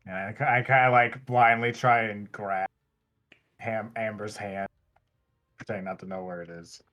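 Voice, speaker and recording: A young player in a tabletop game with a lowish voice, joking playfully and teasing the others. He talks casually with quick laughs. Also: steady tone, sharp tone. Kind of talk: casual chat.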